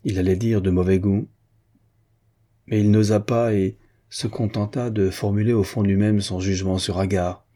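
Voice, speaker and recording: Husky, low-voiced male narrator. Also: steady tone, normal speed, mellow. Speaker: audiobook narrator. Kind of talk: audiobook reading of a classic novel.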